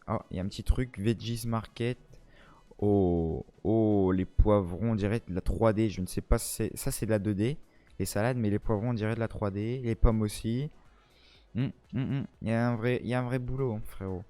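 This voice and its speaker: A man's voice: fairly low pitch, normal speed, warm tone. A young man from France giving casual, slangy, enthusiastic commentary as he tours a farming game map, talking straight to the viewer like a buddy. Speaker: gaming video host.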